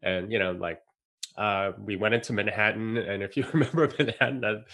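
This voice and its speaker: A man's voice: lowish voice, brisk, a bit bright. A man from South Korea, a podcast guest, telling stories in a casual, rambling way with lots of fillers, restarts and laughs. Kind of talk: casual interview chat.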